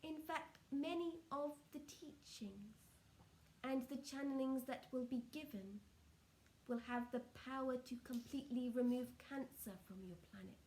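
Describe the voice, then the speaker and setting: A woman speaking as a trance channelling seance medium, solemn and measured, delivering spiritual messages in short halting phrases. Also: high voice, darkish tone, slight background noise, poor audio.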